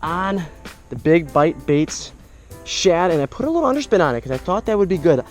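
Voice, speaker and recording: A young man fishing at a pond outdoors, talking casually to his viewers on an action camera, excitable and quick to exclaim while sweating in the heat. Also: on the high side, faint music behind. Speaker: fishing vlogger. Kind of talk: casual vlog talk to camera.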